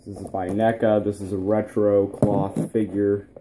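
A teenage man chatting casually through an unboxing vlog in his bedroom, relaxed and rambling with plenty of ums. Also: fairly low pitch, measured pace, background noise. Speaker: vlogger. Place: small bedroom, indoors.

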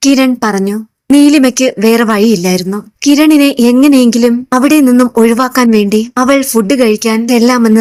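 Steady woman storyteller, dry close sound. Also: fairly high pitch, no room sound. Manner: steady, even-paced narration. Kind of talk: retelling a TV serial episode as a story.

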